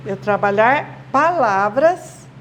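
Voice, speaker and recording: Woman teacher, high-pitched, slow and patient, addressing parents over a faint noise floor. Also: animated. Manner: patient, explains slowly with rhetorical checks. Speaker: literacy teacher. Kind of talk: instructional video talk to parents.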